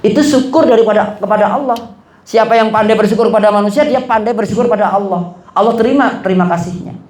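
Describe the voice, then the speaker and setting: A man's voice: high-pitched, quick pace, darkish tone. A man preaching a religious study talk who poses questions to his audience and answers them himself, with joking asides. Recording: echoey room.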